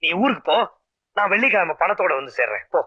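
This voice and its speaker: An actor playing a harried man caught between quarrelling people, lively, exasperated and often shouting. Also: high-pitched, fast, breathy edge, no room sound, heavily acted. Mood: earnest. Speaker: film actor. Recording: dull remastered film audio with music.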